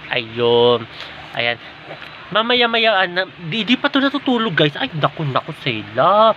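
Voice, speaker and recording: A man from the Philippines chats casually into his phone camera while vlogging at home, addressing his viewers as guys over and over. The audio is dull and lo-fi, with steady background noise and the hum of household sounds clearly present. His delivery is loose and conversational. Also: sits high, measured pace. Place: at home indoors.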